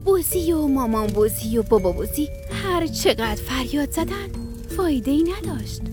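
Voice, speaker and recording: A woman storyteller narrating a children's bedtime story on radio, gentle and expressive. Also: high voice, over music.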